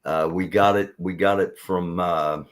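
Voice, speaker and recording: An older man in his sixties from Indiana with a low voice, chatting on a casual show. He rambles in a folksy way, circling back with restarts and easy laughs. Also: fairly even intonation, unhurried. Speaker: podcast host. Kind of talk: casual reminiscing chat.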